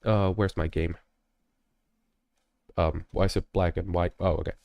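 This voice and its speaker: A man's voice: sits low, fairly even intonation, a little slow, vocal fry, no room sound, lo-fi sound. Rambling young male game streamer. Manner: rambling, jokey, many fillers. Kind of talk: casual live-stream commentary.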